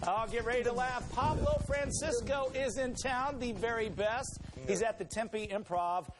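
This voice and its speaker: A man's voice: extremely high pitch, moderate pace, over loud music. A man hosting a morning TV show, upbeat and laughing often with his guest. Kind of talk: casual TV chat. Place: TV studio.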